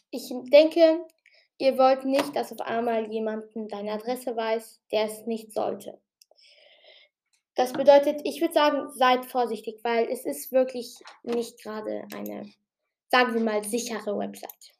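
Woman host, slightly high voice, casual rambling explainer, lots of fillers. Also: steady tone, vocal fry, darkish tone. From outside Germany. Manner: chatty and rambling, with many fillers and restarts; says she talked a bit fast. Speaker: podcast host giving tips.

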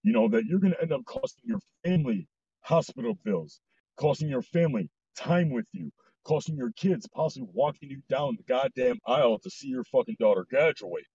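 A man's voice: medium pitch, lively intonation, fairly quick, dark tone, husky. A man hosting a podcast, talking bluntly and heatedly with heavy swearing over a dull, lo-fi voice call. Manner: heated, swears heavily, ranting. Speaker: podcast host. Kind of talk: blunt, profane casual chat. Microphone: voice chat mic.

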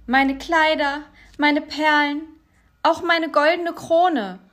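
A man voicing a young princess in a fairy tale, with a shrill, whiny voice. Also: fairly even intonation, slow, fairly bright tone, full character voice. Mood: eager.

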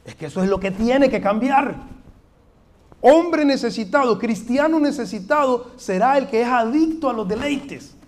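Man, Salvadoran accent, forties, pastor, humorous sermon, rhetorical questions, high voice. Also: animated, moderate pace. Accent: Salvadoran Spanish. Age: 40s.

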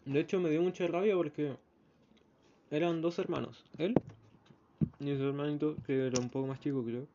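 A man's voice: a little high, steady tone, normal speed, pauses often. A young man with a Chilean Spanish accent, recounting a bus ride in a casual spoken diary and acting out the voices of the people in it. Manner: rambling storyteller, acts out the voices in his anecdotes. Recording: slightly muffled with faint background noise.

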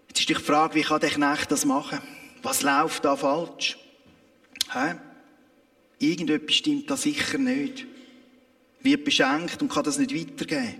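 High, bright Swiss German preacher. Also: male voice, long reverb tail. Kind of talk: sermon.

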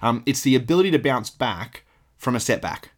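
A man with an Australian accent co-hosting a church leaders podcast, easygoing and quick to laugh, explaining ideas with everyday examples. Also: medium pitch, animated. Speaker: podcast co-host.

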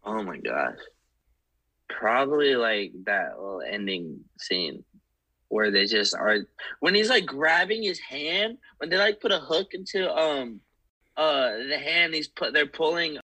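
A man chatting casually as a podcast guest, animated and rambling, full of squeamish exclamations. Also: mid-range voice, measured pace, breathy edge, poor audio. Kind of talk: casual chat.

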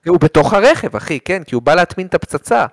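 A man co-hosting a casual gaming podcast, telling stories in an expressive, dramatic way. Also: on the high side, creaky, no room sound. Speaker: podcast co-host.

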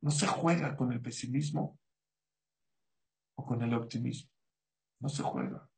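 A man preaching a sermon, his voice sitting at an ordinary middle pitch. He teaches in an animated way, slipping into the voices of the people he quotes. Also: measured pace, vocal fry, poor audio. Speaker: rabbi.

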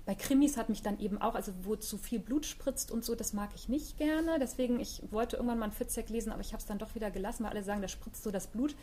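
A woman's voice: on the high side, quick pace, hardly any pauses, dark tone, slight background noise. A middle-aged woman author chatting reflectively in an interview, with frequent fillers. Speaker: author guest. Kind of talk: casual interview talk.

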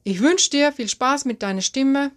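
A woman with a Finnish accent, hosting a solo podcast and giving voice tips in a lively, chatty, self-mocking way. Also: high voice, moderate pace. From Finland. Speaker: podcast host and speaking coach.

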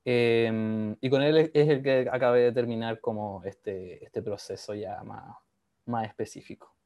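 A young Chilean man chatting casually, telling lively stories and acting out what others said. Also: unhurried, lo-fi sound. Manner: animated storyteller, acts out quotes with sudden high jumps. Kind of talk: casual chat about astrology and exes.

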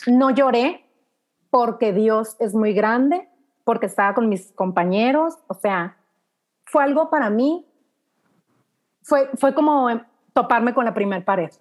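A woman's voice: on the high side, slow, long pauses. A woman with a Mexican accent, a radio announcer, telling her story in a casual interview and acting out the dialogue she quotes. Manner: lively anecdotal, acts out quoted dialogue.

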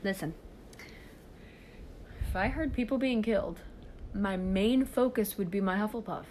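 A woman's voice: medium pitch, measured pace, a little mellow, slight background noise. A young woman chatting casually in a bossy, ranting, playful way, breaking into sing-song fillers. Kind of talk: casual chat.

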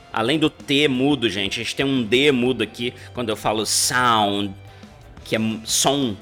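A Brazilian man in his thirties with a Brazilian Portuguese accent, hosting a chatty podcast pronunciation lesson and slowing down to model English phrases. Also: mid-range voice, a bit bright. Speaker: English teacher, podcast host. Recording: faint guitar music behind the voice.

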